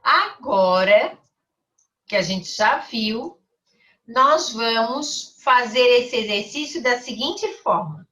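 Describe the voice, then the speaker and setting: A woman teaching a recorded class to young children, spelling words out slowly and clearly. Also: fairly high pitch, lively intonation, fairly bright tone, distant mic. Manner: slow, over-articulated for children. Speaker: primary school teacher.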